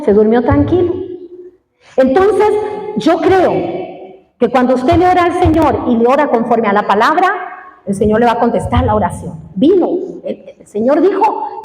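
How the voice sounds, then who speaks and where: A woman's voice: high-pitched, a little mellow. A woman preaching a sermon to a congregation, telling a personal story with emotional, dramatic swings in her voice. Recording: echoey hall.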